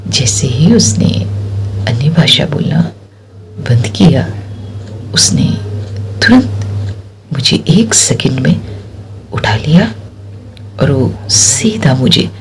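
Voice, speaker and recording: A middle-aged woman shares her personal testimony in a soft, often whispery storytelling voice. Her pitch rises and falls a great deal, with a gravelly fry at the ends of phrases. A faint hiss of background noise sits under the recording. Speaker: testimony speaker.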